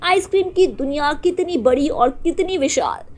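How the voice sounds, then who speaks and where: A woman's voice: high-pitched, moderate pace, natural voice. A woman voicing a cheerful little girl who talks in eager, breathless exclamations. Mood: excited. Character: cheerful little girl, excited about ice cream.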